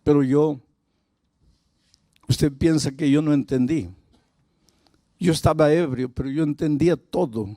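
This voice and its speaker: A man's voice: a little high, unhurried, pauses often, warm tone, no room sound, clean studio sound. A male pastor speaking in the first person as a remorseful former drunk man confessing his past. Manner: confessional, heavy with guilt.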